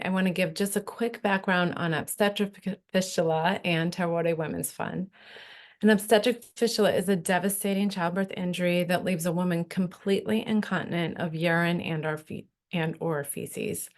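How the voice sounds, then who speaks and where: A woman, a nonprofit executive director and midwife, giving an earnest, measured presentation at a virtual event. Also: fairly low pitch.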